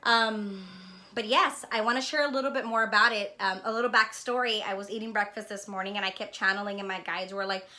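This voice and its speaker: A card reader and spiritual vlogger born in Honduras and living in Los Angeles speaks heartfeltly and casually to her viewers, pausing often for a "right?" Her mid-range voice is steady, fairly quick, pushed, and bright, and her tone is reflective.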